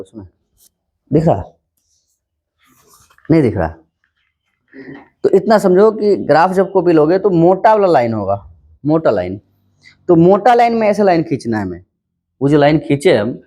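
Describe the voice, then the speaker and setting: A man teaching a maths lesson in a calm, unhurried way, often asking questions and answering them himself. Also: on the high side. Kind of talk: casual classroom maths lesson.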